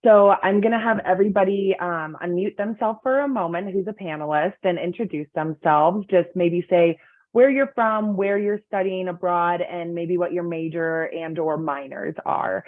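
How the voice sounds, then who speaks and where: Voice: mid-range voice, normal speed, dry recording. A panel moderator on a video call who guides speakers in turn, friendly and organized. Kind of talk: hosting a webinar panel. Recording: tinny phone-like video call audio.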